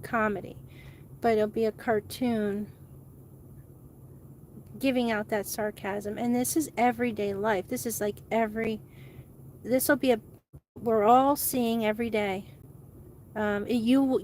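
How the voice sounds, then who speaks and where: A woman host rambling excitedly in a casual monologue, laughing often. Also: a little high, measured pace, pauses often, slight background noise. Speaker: channel host.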